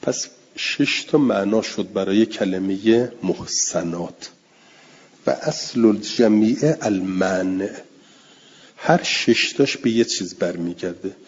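A man teaching a religious text in class, reading Arabic passages aloud and then explaining them in Persian, slowing down and repeating key words. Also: on the low side, slightly rough, big-room sound. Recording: dull lo-fi recording.

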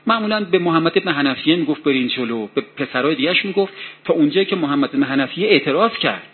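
A man's voice: fairly high pitch, lively intonation, husky. A man preaching a sermon, telling a story dramatically, his voice rising in heated passages. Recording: tinny phone-like sound with faint hiss.

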